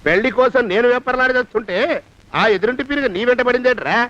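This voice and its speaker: A man's voice: very high voice, fast talker, fairly bright tone. An actor playing a hot-tempered master who berates and insults his servant. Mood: berating. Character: bullying hot-tempered master, grown man. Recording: dull film soundtrack.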